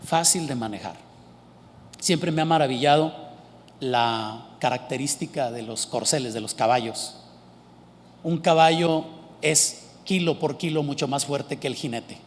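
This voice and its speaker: A man's voice: mid-range voice, unhurried, a little hiss or hum. A man preaching a sermon with emphasis, asking the congregation questions and answering them himself. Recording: long hall reverb.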